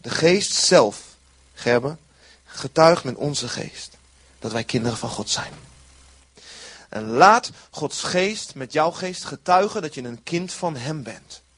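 A man's voice: on the high side, lively intonation, slow pace, a bit bright, slightly rough. A man preaching a sermon in an earnest way, repeating short phrases for emphasis.

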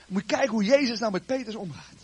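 A man preaching a sermon to his congregation, retelling a Bible story in a lively, joking way with a raspy voice. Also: sits high, quick pace, very noisy.

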